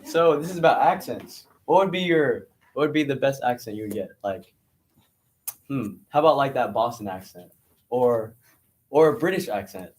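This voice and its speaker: Chatty male co-host, lively pitch, faint noise. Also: moderate pace. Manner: playful, chatty. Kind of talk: casual banter.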